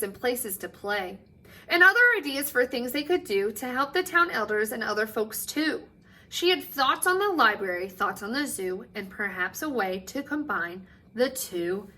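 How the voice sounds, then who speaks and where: A teacher, a woman whose voice is on the high side, reads a picture book aloud to children, full of expression, dramatic pauses and drawn-out endings to her phrases.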